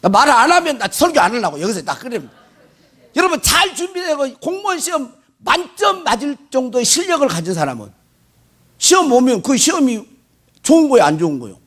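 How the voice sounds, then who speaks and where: A male pastor delivering an animated sermon, firing rhetorical questions at the congregation and mimicking worshippers' prayers. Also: extremely high pitch, a little fast.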